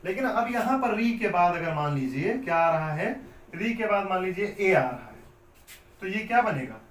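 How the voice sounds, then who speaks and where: A man with a high voice teaching grammar step by step. He keeps asking questions and then answering them himself. The sound is roomy and picked up from some distance off the mic. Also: animated, moderate pace, a little hiss or hum. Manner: repetitive, explains step by step. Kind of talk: classroom lecture at a board. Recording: echoey room, mic at a distance.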